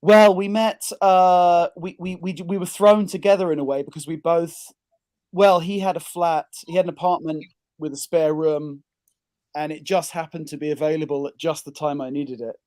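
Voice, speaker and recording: A man's voice: on the high side, steady tone, normal speed, darkish tone, no room sound. A man from England talking over an audio-only call, self-deprecating and rambling with restarts. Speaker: guest, kidney donor. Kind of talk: casual interview chat. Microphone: video call, audio only.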